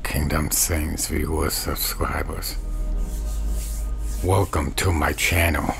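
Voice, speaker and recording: A middle-aged man preaching a webcam sermon from a small bedroom, with a slow, repetitive preaching cadence. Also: very deep voice, little pitch movement, gravelly, music in the background. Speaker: street preacher.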